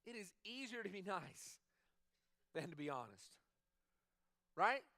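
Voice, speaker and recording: High, bright-voiced male pastor preaching. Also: big pitch swings, measured pace, no echo. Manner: conversational, repeats phrases for emphasis; acts out quoted dialogue in other voices. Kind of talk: sermon.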